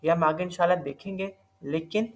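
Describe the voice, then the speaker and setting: A man teaching Quran recitation in a recorded online lesson, explaining patiently step by step with a slightly sore throat. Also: fairly high pitch. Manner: patient step-by-step explaining, mixing in English terms.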